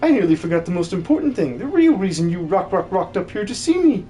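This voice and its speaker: Fast and very animated, this medium-pitched, warm voice stays close to an ordinary speaking voice over faint background music. The actor is dubbing a video game's jolly, fussy old hermit. The hermit is excitable and repeats words in threes as a stutter.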